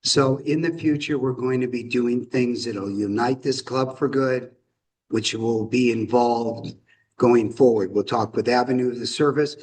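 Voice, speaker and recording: A man running a club meeting in a relaxed, joking way, welcoming members and guests. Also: mid-range voice, distant mic, low-quality recording. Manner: relaxed, joking, slow-paced. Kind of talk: casual meeting chat.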